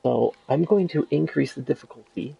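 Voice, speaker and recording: Gravelly, husky man commentating gameplay. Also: a little high, normal speed, no room sound, dull audio. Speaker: gamer commentating on own play.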